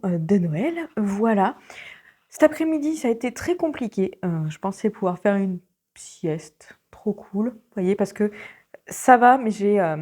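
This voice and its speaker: A woman chats through her day in a relaxed vlog, her voice husky from a sore throat. She often slips into a whisper, and her tone stays mellow and soft. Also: medium pitch. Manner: chatty, often drops to a whisper. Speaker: vlogger. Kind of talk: casual daily vlog chat.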